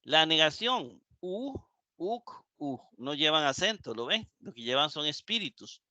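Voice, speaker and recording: Male teacher, bright tone, slow, patient delivery. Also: on the high side, big pitch swings, no room sound. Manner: slow and explanatory, with many fillers and repeats. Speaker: Greek teacher. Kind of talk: live online lecture.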